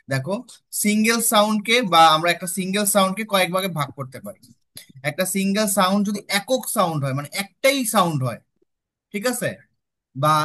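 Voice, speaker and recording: A man's voice: high-pitched, pushed and bright. A young man with a Bangladeshi accent tutoring students, explaining step by step and checking in with them often. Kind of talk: classroom lecture with student questions.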